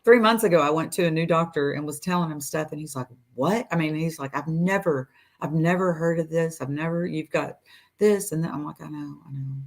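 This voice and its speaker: A woman in her forties, with a low voice and a slightly fast pace, shares her story as a guest over a video call from a room at home. Casual and animated, she acts out her doctors' lines and laughs between phrases.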